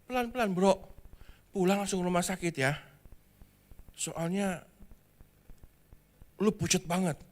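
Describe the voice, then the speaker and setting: Preacher voicing a loud, overeager student, high and bossy. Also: male voice, slow, pauses often. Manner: loud, overeager, bossing his friend around. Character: loud, excitable young male student friend.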